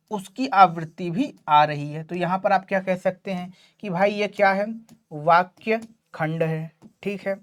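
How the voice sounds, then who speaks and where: A woman teacher giving an online class lecture in Hindi, explaining patiently and checking in often with her students, whom she calls child. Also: on the low side. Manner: addresses students affectionately as child.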